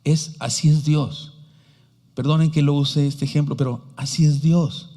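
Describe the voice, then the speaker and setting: Mexican pastor preaching in a reverberant church. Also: male voice, a little high, steady tone, unhurried, warm tone. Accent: Mexican Spanish. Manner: storytelling, asks the congregation questions. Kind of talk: sermon. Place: church sanctuary.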